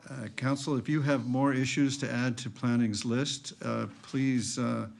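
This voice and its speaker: Man chairing a council session, gravelly voice, polite and procedural. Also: mid-range voice, steady tone, unhurried, darkish tone. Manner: courteous, procedural, with many fillers. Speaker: meeting chair.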